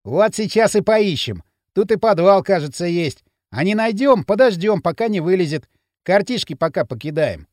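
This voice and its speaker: A man's voice: sits high, animated, moderate pace, a little mellow, no room sound, studio quality. A man playing a mocking teenage gang leader who drawls and sneers. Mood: sneering.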